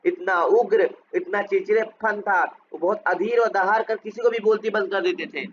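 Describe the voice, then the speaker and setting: Man, teacher, high pitch, slow line-by-line explanation, muffled recording. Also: fairly even intonation, slight background noise. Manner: reads English lines slowly, then explains at length. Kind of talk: Hindi explanation of an English lesson.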